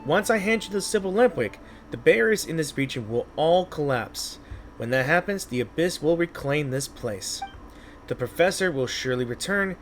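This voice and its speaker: A man's voice: a little high, a little hiss or hum, close to an everyday voice. A man voicing a solemn, resolute ancient woman guardian from a game in a grave, theatrical way.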